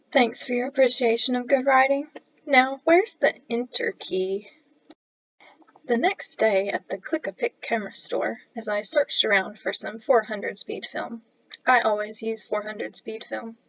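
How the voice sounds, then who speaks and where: Woman author reading her story aloud, playful; gravelly voice, dull lo-fi, dry sound. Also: medium pitch, no echo. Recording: dull lo-fi recording.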